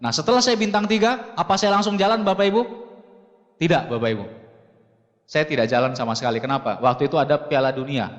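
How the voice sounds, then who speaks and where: A man in his thirties from Makassar giving an animated motivational talk from a seminar stage, turning to address the audience often. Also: fairly high pitch, fast talker. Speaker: seminar speaker. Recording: long hall reverb.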